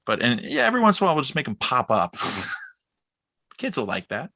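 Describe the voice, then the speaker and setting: A man co-hosting a casual film podcast, excitable and laughing often as he acts out lines. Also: mid-range voice, normal speed, creaky, dry recording, clean studio sound. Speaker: podcast co-host.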